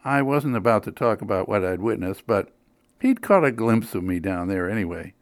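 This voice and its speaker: A man's voice: fairly low pitch, very animated, moderate pace, dry recording. An older man with a New England accent, narrating a personal anecdote with dry humor as a magazine editor. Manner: wry, dryly humorous. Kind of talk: scripted storytelling narration.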